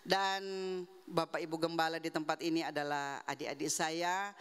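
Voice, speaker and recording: A woman's voice: low-pitched, fairly even intonation, normal speed, clean tone. A middle-aged woman from Manado giving a heartfelt sermon testimony, speaking earnestly and confessionally to the congregation. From Manado, Indonesia. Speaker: guest preacher. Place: church sanctuary. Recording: reverberant church hall.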